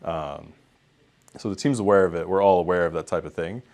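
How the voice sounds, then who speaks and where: A man's voice: low voice, brisk, darkish tone. A young man, an esports head coach, talking candidly in a post-match interview, full of ums and likes.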